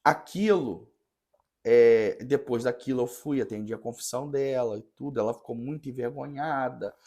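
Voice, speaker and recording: Speaking in a medium, slightly mellow voice, a parish priest recounts a story on a podcast. He comes across as earnest, often stumbling and starting his sentences over.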